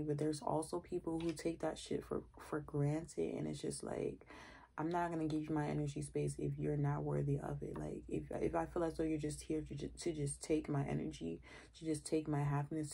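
A woman's voice: low-pitched, creaky, warm tone, husky. A woman giving a casual tarot reading to her viewers, blunt and full of cursing, her voice sounding off from its usual self, recorded on a phone. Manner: blunt, cursing, repeats "all right?". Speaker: tarot reader.

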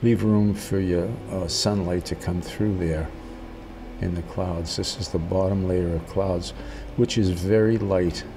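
An older man giving a casual watercolor tutorial as a gentle, encouraging, unhurried painting instructor. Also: deep voice, steady tone, gravelly, background noise.

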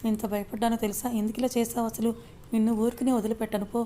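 A woman's voice: fairly high pitch, level tone, fast, mellow, a little hiss or hum, lightly acted. A woman storyteller voicing a sulky, playfully complaining young wife in an audio story. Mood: sulky complaint. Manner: pouting, complaining.

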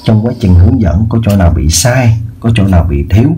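A man's voice: fairly low pitch, expressive, fairly quick, dark tone, faint music behind. A man teaching a math lesson in a casual way, often repeating words and checking in with his viewers. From southern Vietnam. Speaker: math tutor. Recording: faint background noise.

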